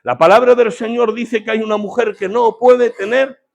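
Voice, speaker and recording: A man's voice: extremely high pitch, steady tone, moderate pace, gravelly. A man preaching a fervent sermon as pastor, drawing call-and-response from the congregation.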